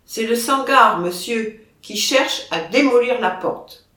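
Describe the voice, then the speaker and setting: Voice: medium pitch, slow pace, sharp tone. A reader voicing a plain-spoken, deferential cattle herdsman who reports to his boss. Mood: calling. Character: humble cattle herdsman, grown man. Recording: roomy, distant mic.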